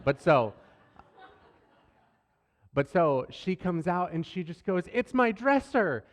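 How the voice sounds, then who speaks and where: A man in his thirties, a pastor, telling a family story from the pulpit with lively, self-deprecating humor. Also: on the high side. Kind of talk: sermon storytelling. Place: church sanctuary. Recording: long church hall reverb.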